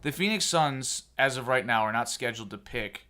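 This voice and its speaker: A man's voice: medium pitch, expressive, brisk, sharp tone. A man in his thirties hosting a casual sports podcast, opinionated and sarcastic as he rants. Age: 30s. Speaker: podcast host.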